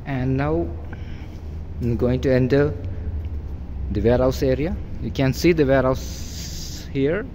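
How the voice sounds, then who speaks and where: Giving a walkthrough of an empty warehouse, a male real estate agent speaks in a warm, medium-pitched voice, a little slowly and with frequent pauses. He points out features in a plain, repetitive way, captured on the filmer's handheld phone with slight background noise.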